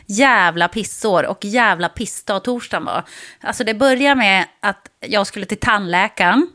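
A woman co-hosting a podcast in casual chat, telling stories with lively acted-out quotes. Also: medium pitch. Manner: animated storytelling, acts out quotes loudly. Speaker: podcast co-host. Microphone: podcast microphone.

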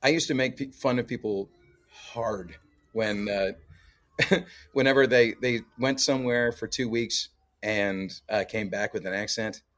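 A fairly low but rather bright male voice, unhurried, belongs to a guest musician raised in Canada. In this casual interview he stays easygoing, laughs a lot, and keeps restarting his sentences around plenty of fillers.

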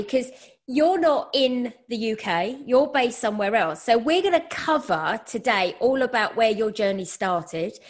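A woman hosting a podcast interview, enthusiastic and upbeat, from the UK. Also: a little high. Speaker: podcast host.

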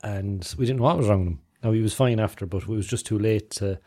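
A man's voice: lowish voice, quick pace, dark tone. A man with a Cork Irish accent hosting a podcast, telling casual anecdotes in colloquial, sweary language. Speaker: podcast host.

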